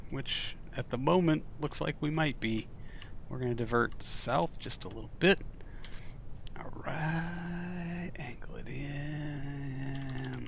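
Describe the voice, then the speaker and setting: Gravelly casual male game streamer. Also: mid-range voice, slight background noise. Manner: casual, swears, reacts loudly to mishaps. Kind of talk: live game commentary.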